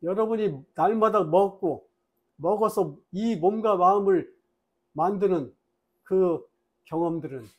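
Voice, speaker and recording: A man giving a Buddhist dharma talk, telling a story in a lively way and acting out the voices in it. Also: high voice. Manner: lively storyteller, acts out voices in his tales; plain, explanatory lecturing.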